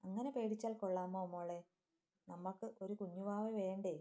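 A woman's voice: mid-range voice, steady tone, normal speed, close to an everyday voice. A woman voicing a caring middle-aged mother-in-law who coaxes a frightened girl. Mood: coaxing. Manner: coaxing, gentle.

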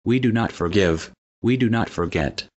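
A man from Australia with an electronically deepened, disguised voice, reading a defiant, declamatory protest statement as an activist spokesperson. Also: normal speed, darkish tone, dry recording. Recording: dull lo-fi audio.

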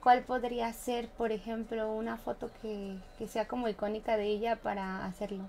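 A woman's voice: on the high side, little pitch movement, normal speed, gravelly, a little mellow, slight background noise. A Mexican woman streamer chatting casually with her live viewers in a playful, chatty way, laughing often and humming little tunes. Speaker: game streamer.

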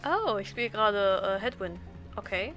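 A woman's voice: medium pitch, lively intonation, normal speed. A young woman, a native German speaker with a German accent, casually streaming a game and reading its text aloud. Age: young adult. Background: game music.

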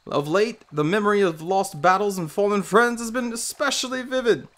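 A man's voice: medium pitch, steady tone, natural voice. Man putting on a grieving old ranger. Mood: wistful. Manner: a put-on accent that keeps slipping, read slowly and heavily. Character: grieving elderly male veteran ranger, haunted and wistful.

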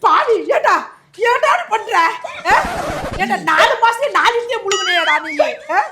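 A woman playing an exasperated mother who shouts, wails and scolds her greedy son in a comedy sketch. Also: very high voice, expressive, measured pace, noisy background. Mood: scolding. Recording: background music. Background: music.

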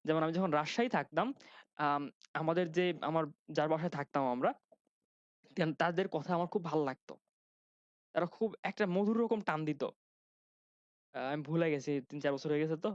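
A man's voice: on the high side, dry recording. Young male teacher, Khulna Bangla accent, chatty classroom lecture style, dry and slightly dull recording. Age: young adult. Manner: chatty, asks students questions, restarts sentences. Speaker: grammar instructor.

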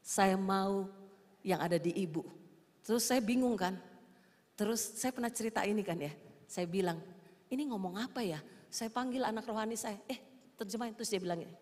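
A woman pastor preaching a sermon in a large church, telling stories that swing from hushed to shouted. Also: medium pitch, brisk, pauses often. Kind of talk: sermon with storytelling. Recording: long reverb of a church hall.

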